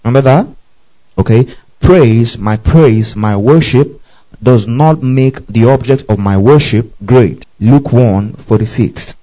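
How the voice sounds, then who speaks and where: A man's voice: medium pitch, slow, warm tone. A man preaching a Bible lesson, who keeps checking in with his listeners by asking "okay?" and "do you see that?". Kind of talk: bible teaching sermon. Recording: muffled lo-fi recording.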